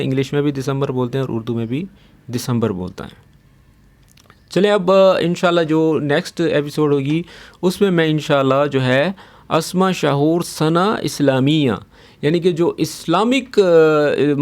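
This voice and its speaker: Patient man teaching Arabic words. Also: on the high side. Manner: patient, repeats each word several times. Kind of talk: casual spoken language lesson.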